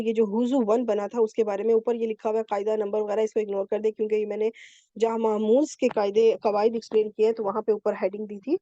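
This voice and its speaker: Woman teacher on an online class, slightly high, dark mellow tone, patient step by step, dull call audio. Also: no room sound. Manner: patient, explains step by step with check-ins. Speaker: Quranic Arabic grammar teacher. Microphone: computer mic on a video call.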